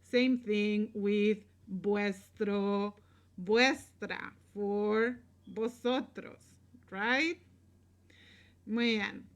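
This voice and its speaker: A woman's voice: medium pitch, steady tone, extremely slow. A woman teaching a recorded Spanish grammar lesson, explaining patiently and checking in with "right?".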